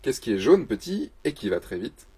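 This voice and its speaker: A man's voice: mid-range voice, sing-song, normal speed, mellow, husky. A man, a photographer and the show's host, answers viewer questions in a casual vlog, joking and mocking himself in a loose, chatty way.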